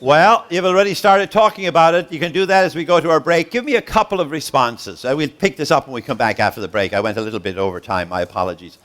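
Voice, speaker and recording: Putting questions to his audience, this guest professor and speaker lectures interactively with a rhythmic, preacher-like cadence. Dramatic slow pauses give way to sudden rises in a slightly high, fairly bright voice.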